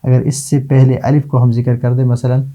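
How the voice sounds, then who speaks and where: Slow-drilling male Arabic teacher. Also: medium pitch, flat delivery, mellow, dull audio. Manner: slow, drawn-out repetition of example words; asks then answers his own questions. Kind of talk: classroom lesson.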